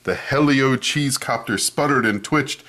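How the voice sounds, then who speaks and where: Speaking at a medium pitch and taking his time, a man narrates a kids' picture book with lively expression. He adds comments about each page as he reads.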